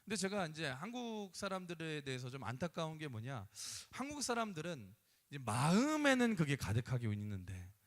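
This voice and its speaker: Preaching in a church sanctuary with reverberant hall acoustics, a pastor tells stories and acts out the voices of the people in them. His fairly high voice has a sing-song lilt and a moderate pace.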